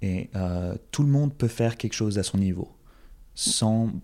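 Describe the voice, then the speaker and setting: A young adult Frenchman talks as a guest in a casual interview about his time organizing campaigns, with a French accent and plenty of fillers and self-corrections. He speaks unhurriedly in a fairly low, darkish voice.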